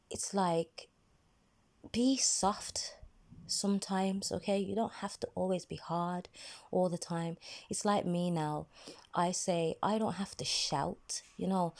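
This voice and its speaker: A woman's voice: fairly low pitch, a little mellow. A middle-aged woman giving casual spoken devotional advice, conversational and full of fillers. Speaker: ministry video host.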